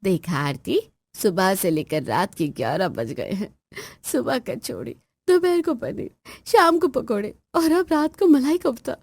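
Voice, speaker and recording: A woman's voice: mid-range voice, lively intonation, a little slow, no echo. A woman voicing an elder daughter-in-law who speaks with weary sarcasm and confides in her sister-in-law. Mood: weary sarcastic.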